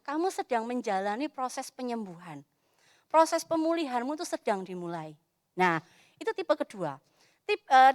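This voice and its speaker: A woman's voice: high voice, no echo, clean studio sound. A woman giving a casual youth sermon in church, acting out quoted voices as she talks. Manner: animated, acts out quoted voices. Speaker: youth preacher.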